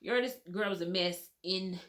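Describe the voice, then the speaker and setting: Chatty woman vlogger, bright voice. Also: on the low side, normal speed. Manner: chatty, animated, addresses viewers as y'all and girl. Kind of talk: casual storytime.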